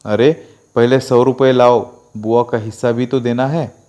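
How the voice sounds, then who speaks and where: A worried housewife , read by a man who grumbles in a low, glum tone. She talks slowly and complains under her breath. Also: steady tone, mellow, close to an everyday voice. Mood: grumbling. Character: worried housewife, grumbling about an old woman.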